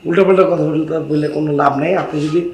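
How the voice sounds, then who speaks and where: A man's voice: fairly high pitch, steady tone, very fast, darkish tone, roomy sound, natural voice. A man playing a pushy houseguest thrown out by his wife, blunt and bargaining. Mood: pleading. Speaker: houseguest in comedy skit.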